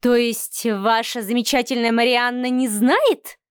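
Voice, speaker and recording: A woman's voice: on the high side, no room sound, clean studio sound, close to an everyday voice. A woman reading a scornful haughty mother. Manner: sarcastic, slow and cutting. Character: haughty cynical middle-aged mother, cold and scornful. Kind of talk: audiobook character reading.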